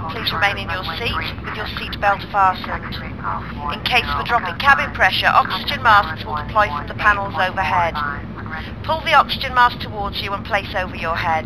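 A woman voicing a flight attendant, reading a formal, measured cabin safety announcement in a game recording. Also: mid-range voice, background noise, natural voice. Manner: measured, formal, evenly paced. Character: adult female flight attendant, calm and courteous.

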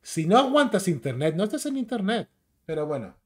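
A man with a Spain Spanish accent delivers a combative, mocking YouTube rant. His voice sits high and swings widely in pitch as he jeers. The tone stays insulting throughout. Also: very animated, brisk, a little mellow. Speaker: YouTube commentator. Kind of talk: ranting commentary video.

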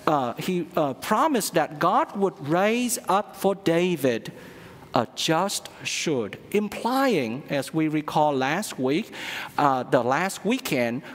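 A middle-aged man, a priest, giving a sermon at the altar with a slow, halting delivery full of fillers. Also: a little high, big pitch swings. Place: large church sanctuary at the altar. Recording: long church reverb.

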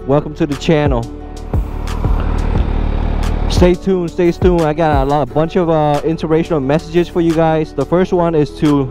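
Brief: male motovlogger, slightly high voice, slow delivery, hyped pep talk from the saddle, loud music underneath. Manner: upbeat, motivational, repeats phrases. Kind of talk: casual motovlog chat while riding. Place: on a motorcycle on open roads. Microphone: helmet-mounted action camera mic.

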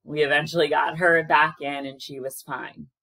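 This caregiver has a low, projecting voice with vocal fry, and she speaks loudly, frankly and conversationally at a normal speed with a flat delivery. She's giving casual advice to camera about her experiences in a small indoor room with a plain wall, and the recording is dry.

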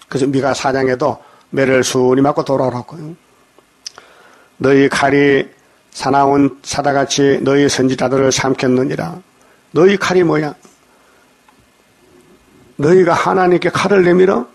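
A man's voice: mid-range voice, level tone, a little slow, vocal fry, pauses often. Pastor guy preaching at dawn, reads verse then scolds, keeps going "eh?". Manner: preaches verse by verse with frequent rhetorical "응?" checks; scolding, jokes at the congregation. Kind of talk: dawn sermon. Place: church.

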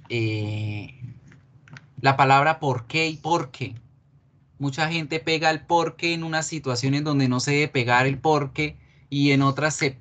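Un hombre con acento colombiano que da una clase de inglés en línea y explica despacio, repitiendo los ejemplos. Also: male voice, mid-range voice, fairly bright tone. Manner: slow, explanatory, repeats examples. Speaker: English teacher. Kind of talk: online class.

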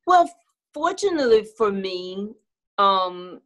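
This middle-aged singer has a mid-range, sing-song voice that's a bit bright, and she takes her time. In a casual video-call interview from a room at home with a clothing rack, she's candid and reflective and laughs easily, heard through her webcam.

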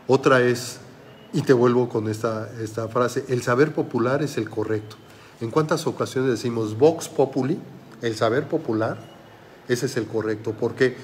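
A man's voice: medium pitch, a little hiss or hum. A man giving a motivational talk as a life coach, firing rhetorical questions at the listener and repeating phrases for emphasis. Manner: asks rhetorical questions and addresses the listener directly.

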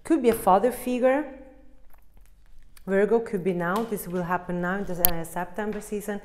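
A woman's voice: mid-range voice, normal speed, a little mellow, a little hiss or hum. Rambling woman doing a tarot reading. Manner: rambling, searches for words, laughs at herself. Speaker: tarot reader.

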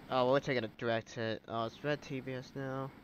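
Young man stuffed up and sleepy, live game commentary, flares up excited, faint hum behind. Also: mid-range voice, brisk, dull audio. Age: young adult. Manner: laid-back, bursts into excited shouts at action. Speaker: game streamer.

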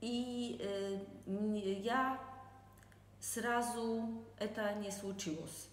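A woman with a Polish accent gives interview answers in halting, non-native Russian. Her pace is very slow, with gaps while she searches for words. The room is heavily echoey, with a long reverb tail around her voice. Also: medium pitch, fairly even intonation, slight background noise. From Poland. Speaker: interview guest, translator and health consultant.

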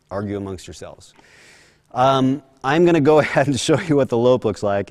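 A man's voice: fairly low pitch, darkish tone. A man horse trainer giving hands-on instruction in a horse arena, chanting rhythmic counts while he explains, with light self-deprecating asides.

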